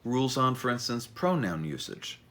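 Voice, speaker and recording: A middle-aged male author introduces his memoir, telling his story informally in a wry, self-deprecating, stop-and-start way. His voice is medium-pitched and fairly bright, very animated, at a normal speed. It's an informal spoken storytelling monologue.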